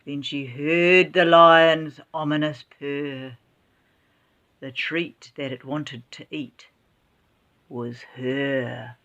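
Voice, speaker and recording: A woman reading a rhyming children's story aloud in an expressive, dramatic way, with exclamations. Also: low-pitched, extremely slow.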